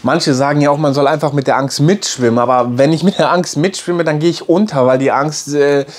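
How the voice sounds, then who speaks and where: A man speaking in a personal video diary, addressing viewers directly in a halting way, often repeating words and restarting his sentences. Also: a little high, fairly even intonation. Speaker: vlogger.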